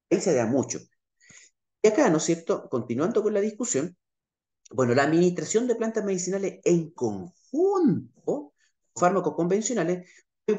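A middle-aged man with a Chilean Spanish accent presents a conference talk over a video call, gesturing as he explains. His pitch swings widely and he keeps checking in with his audience. The webcam picks up a roomy echo from the small room around him. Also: dark tone. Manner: gestures with his hands while talking. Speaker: naturopath lecturer. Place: small indoor room, plain wall behind.

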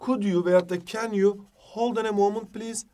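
A man teaching a jokey exam-prep lesson, with a Turkish accent, reading English phrases slowly. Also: high voice, steady tone, warm tone, recorded from a distance.

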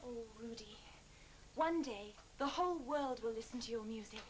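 An actress playing an eager, devoted fifteen-year-old girl who is quick to tears. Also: a little high, slight background noise, natural voice, rough recording. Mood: tender. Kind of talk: 1970s TV studio drama acting.

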